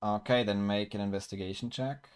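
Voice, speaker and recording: A man narrating as game master of a tabletop game, describing scenes slowly and searching for words with many fillers and restarts. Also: fairly low pitch, fairly even intonation, clean tone.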